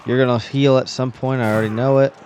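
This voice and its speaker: A man's voice: mid-range voice, level tone, fast talker, darkish tone, slight background noise. Offhand guy casually commentating his gameplay.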